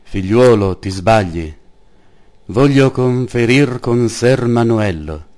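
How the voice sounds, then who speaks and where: A man reading a story aloud and voicing a gentle but stern friar who speaks in solemn, preaching tones. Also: mid-range voice, lively intonation, takes it slowly. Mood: earnest.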